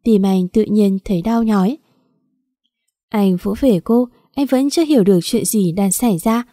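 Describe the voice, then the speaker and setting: Mellow-voiced woman reading a story. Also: medium pitch, moderate pace, no echo, clean studio sound. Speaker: audiobook narrator. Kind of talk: scripted story narration.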